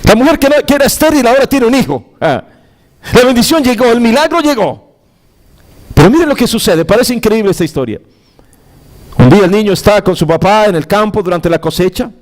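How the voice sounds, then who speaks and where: A male pastor retelling a scripture story in a sermon, dramatic, with exclamations and frequent halting restarts. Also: high-pitched, sing-song.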